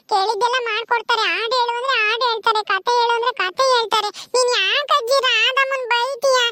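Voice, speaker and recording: A woman's voice: extremely high pitch, pushed and bright. A woman doing a whiny little boy. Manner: whiny, pleading. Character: small whining grandson.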